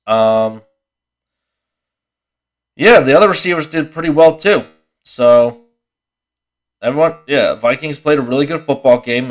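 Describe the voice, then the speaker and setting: A young man hosts a casual podcast on his own, worn out and yawning between thoughts. He rambles, restarts his sentences and swears freely, in a voice of ordinary middle pitch. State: tired, yawning. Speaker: podcast host. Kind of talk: casual solo sports podcast.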